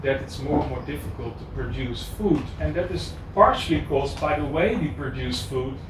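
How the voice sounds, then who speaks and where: A man's voice: mid-range voice, animated, normal speed. Dutch-accented man in an echoey hall. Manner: hesitant, many fillers and restarts. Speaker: presenter. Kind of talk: live presentation talk. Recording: echoey room, distant mic, noise.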